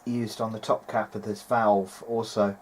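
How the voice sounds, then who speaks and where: In a fairly low voice and at a measured pace, a radio restorer presents casual commentary on his bench work. He hesitates and reasons aloud while clear, steady background noise plays underneath.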